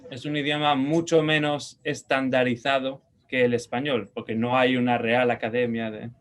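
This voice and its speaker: A man's voice: mid-range voice, level tone, a bit bright. Spanish-man teaching a language lesson. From Spain. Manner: patient, repeats words slowly for pronunciation; checks in with short questions.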